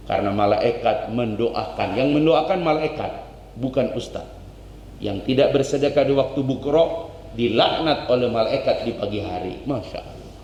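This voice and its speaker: Male ustadz, animated sermon storyteller; reverberant mosque hall. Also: mid-range voice, normal speed, highs cut off. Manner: animated storytelling, direct address. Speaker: ustadz giving a dawn study at a mosque. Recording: echoey mosque hall, faint hum.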